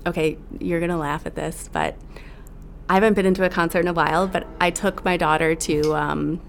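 A middle-aged woman from Illinois chats as a podcast guest, her voice low with a gravelly edge. She talks in a chatty, hesitant way with many fillers. Faint noise sits behind her. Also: fairly even intonation, brisk. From Illinois, USA. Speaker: guest pastry chef. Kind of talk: casual podcast chat.

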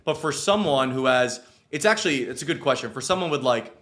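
Emphatic mid-pitched man explaining casually. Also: lively intonation, fairly quick, fairly bright tone. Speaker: financial advisor guest.

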